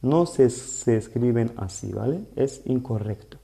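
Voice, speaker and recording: A man teaching a live online lesson in Spanish, explaining slowly and patiently and often checking that his students follow. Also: medium pitch, lively intonation, vocal fry, warm tone. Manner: slow, patient explaining with frequent "¿vale?" checks. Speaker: Arabic teacher.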